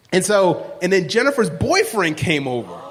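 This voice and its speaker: A man with a loud, projecting voice, telling a personal story on stage and acting out the dialogue. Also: high voice, measured pace, very noisy. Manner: animated, acts out dialogue in raised voices. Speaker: live storyteller. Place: stage in a large hall. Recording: live recording with long hall reverb.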